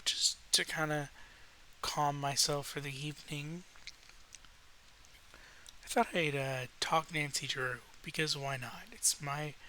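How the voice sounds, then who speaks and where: Hosting a video, a man rambles in a relaxed, hesitant late-night way, pausing often. His voice is on the high side and slightly rough, and the poor audio carries a noticeable faint hiss.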